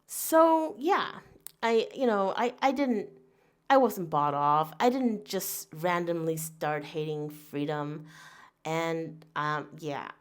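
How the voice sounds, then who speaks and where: A woman's voice: low-pitched, animated, takes it slowly. A woman in her forties from Taiwan, hosting a podcast with an earnest, reflective monologue full of fillers and restarts. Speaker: podcast host.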